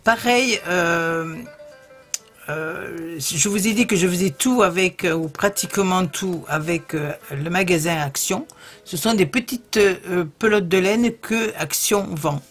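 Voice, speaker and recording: A woman's voice: on the low side, takes it slowly, soft background music. Chatty southern French woman crafter. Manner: chatty, hesitant, many fillers. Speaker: crafting video host. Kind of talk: casual craft tutorial.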